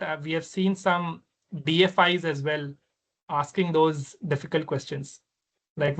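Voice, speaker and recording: A man's voice: a little high, a bit bright. A man answering on a conference panel, talking with many fillers and restarts. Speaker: panel speaker on impact investing.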